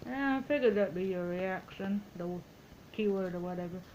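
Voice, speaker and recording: A woman's voice: medium pitch, moderate pace, a little mellow, slight background noise, poor audio. A woman in a casual, rambling phone chat, telling stories and quoting herself and other people as she goes. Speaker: vlogger making a phone call.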